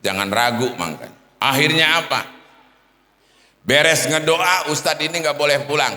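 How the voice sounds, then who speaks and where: A man's voice: fairly high pitch, moderate pace, pushed and bright. A man preaching a comedic sermon, telling a story animatedly and addressing the listeners as sir and ma'am. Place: prayer hall. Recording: long hall reverb.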